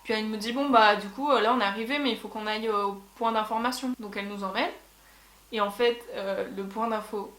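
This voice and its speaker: A young woman vlogger, whose first language is French, tells a travel story in a casual chat, her voice on the high side and a bit bright. She is chatty, full of fillers and restarts, and the room she's in echoes.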